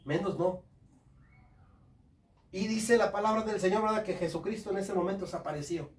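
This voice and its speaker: Fervent preacher in echoey room. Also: male voice, sits high, moderate pace. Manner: fervent, addresses listeners as brothers. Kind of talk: sermon. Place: home service room. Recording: echoey room, from far off, faint ambience.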